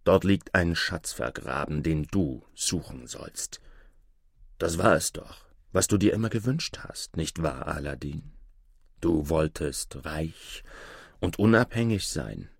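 Scheming male sorcerer, menacing and coaxing, as a man puts him on: very deep, hushed, unhurried delivery in a storybook reading. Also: steady tone, husky, no room sound, clean studio sound, exaggerated voice. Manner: low, hushed and slow.

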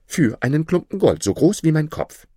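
A man's voice: fairly high pitch, very animated, normal speed, dark tone, slightly rough, no room sound, clean studio sound, pitched above the performer's own voice. A man voicing a naive, cheerful young simpleton who speaks eagerly and earnestly.

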